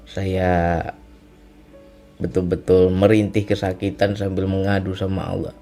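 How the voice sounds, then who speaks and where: Low, dark-voiced earnest man. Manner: earnest, repetitive, often adds tag questions. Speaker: speaker sharing a personal testimony. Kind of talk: reflective spiritual testimony.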